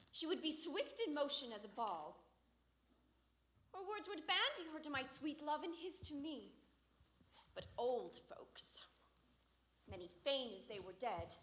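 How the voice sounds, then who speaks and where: A woman's voice: high-pitched, bright, forceful tone, slight background noise, exaggerated voice. A woman acting an eager, impatient young girl in love on a theatre stage, pressing with urgent questions. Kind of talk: live stage acting of verse drama. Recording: roomy theatre stage sound.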